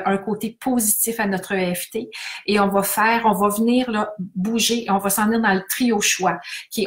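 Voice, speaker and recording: Calm woman coaching tapping. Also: mid-range voice. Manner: calm, repetitive coaching, reading out viewers' comments. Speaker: energy healing coach. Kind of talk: guided tapping session on a livestream. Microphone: webcam or phone on a live broadcast.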